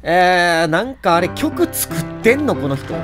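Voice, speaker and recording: A man with a Kansai accent giving jokey, animated running commentary on a horror game and talking to its characters. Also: high-pitched, a little slow, soft background music. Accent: Kansai Japanese. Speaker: let's play host.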